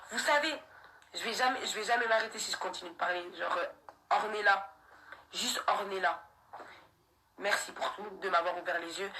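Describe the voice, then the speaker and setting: A young Frenchwoman speaking straight to her followers in a heated live-stream rant. Her voice is bright and forward, and she repeats lines for effect, switching between scorn and laughter. A faint hiss sits under the sound. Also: mid-range voice, rough recording. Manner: defiant, repetitive, slangy, with laughs breaking in. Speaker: livestreamer addressing her followers.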